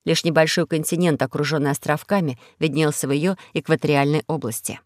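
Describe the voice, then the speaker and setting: A woman narrating an audiobook in an even, measured storytelling manner. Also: low-pitched, no room sound, clean studio sound. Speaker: audiobook reader. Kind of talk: scripted narration.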